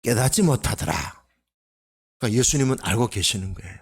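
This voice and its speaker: A man preaching a Sunday sermon as pastor, asking the congregation rhetorical questions and swinging between loud exclamations and soft low asides. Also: expressive, fairly quick, husky. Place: church sanctuary.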